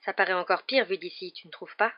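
A brave teenage boy, hushed and tense, as a woman reader puts him on, close to her own voice. The recording sounds dull and muffled. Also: lowish voice, fast talker, lightly acted.

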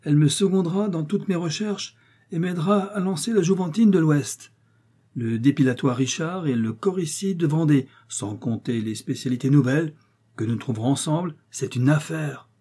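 A man's voice: a little high, normal speed, warm tone, breathy edge, pitched above the performer's own voice. A man reading aloud and voicing an exuberant, pompous older pharmacist who boasts in colorful chatter. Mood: boastful.

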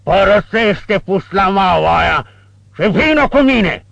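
A hoarse, menacing brute. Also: male voice, high voice, expressive, a bit bright, no echo, muffled recording, voice pushed up, heavily acted. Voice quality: hoarse, cracked voice. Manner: threatening, bullying. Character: brutish hulking male schoolmaster, menacing thug. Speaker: audiobook narrator voicing a character. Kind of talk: audiobook character voice.

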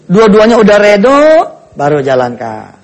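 A man preaching in a mosque, animated and acting out family members in changing voices. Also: high-pitched, moderate pace. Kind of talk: lively mosque sermon.

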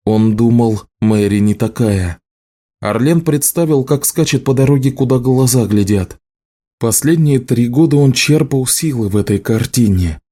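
A man narrating an audiobook in a measured, even delivery. His voice sits in the middle of the male range. It has a dark, mellow tone. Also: medium pitch. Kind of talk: scripted narration.

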